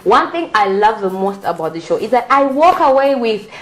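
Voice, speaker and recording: A woman's voice: on the high side, very animated, normal speed, slight background noise. A woman hosting a TV talk show, asking questions and then closing the show, thanking viewers and the crew. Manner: frequent backchannel, upbeat sign-off thanking crew. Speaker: TV show host.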